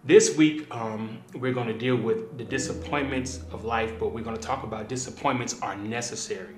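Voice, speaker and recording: Man, thirties, pastor, relaxed devotional talk, middle pitch, roomy room, soft music underneath. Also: normal speed. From Kansas City area. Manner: relaxed, conversational, filler-heavy. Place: small indoor studio with desk.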